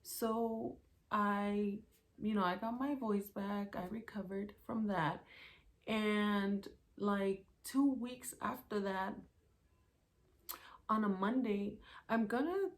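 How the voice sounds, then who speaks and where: A young woman YouTuber, speaking slowly in a mid-range voice, talks casually to her channel, working through her notes to recount events day by day with plenty of fillers in this vlog storytelling.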